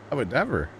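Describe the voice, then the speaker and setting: Against a noisy background, a mid-range-voiced man from Missouri, in his mid-thirties, streams a farming game and chats loosely. He jokes, teases his friends, and talks with plenty of fillers.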